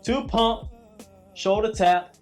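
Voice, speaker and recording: A man's voice: sits high, fairly even intonation, slow pace, soft background music. A man in his late thirties coaching a calisthenics workout with emphatic, preachy, repetitive cues. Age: 30s. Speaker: fitness coach.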